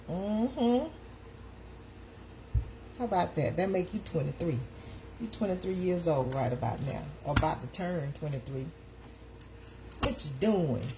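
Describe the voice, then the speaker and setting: A woman's voice: fairly low pitch, warm tone, a little hiss or hum. A woman, hosting a casual live chat and calling out to her viewers. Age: 50s. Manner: chatty, calls out to viewers. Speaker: live stream host.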